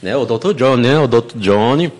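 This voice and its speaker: A man's voice: mid-range voice, lively intonation, fairly quick, a little mellow. Folksy man chatting. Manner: folksy, says "né?" and "viu?" constantly. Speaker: podcast guest, influencer. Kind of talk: casual podcast chat.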